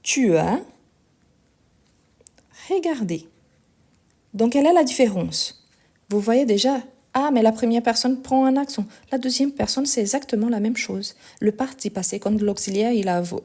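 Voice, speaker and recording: Woman teacher, Lyon accent, mellow tone, slow and careful delivery for learners. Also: on the high side. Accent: Lyon French. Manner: slow, deliberate, exasperated asides. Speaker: French teacher. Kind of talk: live-streamed language lesson.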